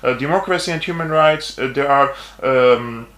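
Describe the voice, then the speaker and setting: A man from Syria, a political journalist, giving measured explanatory interview answers with frequent hesitations. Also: medium pitch, fairly bright tone. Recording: roomy echo.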